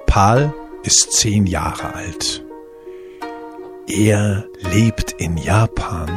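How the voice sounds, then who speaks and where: A man narrating a story for children, explaining things patiently and unhurriedly over background music. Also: low-pitched. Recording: music bed playing underneath.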